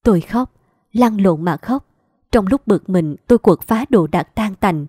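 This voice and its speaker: A woman's voice: medium pitch, expressive, a little slow, dark tone, slightly rough, no room sound, clean studio sound. A woman narrating a story in the first person, in a plaintive, lamenting way. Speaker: audiobook narrator.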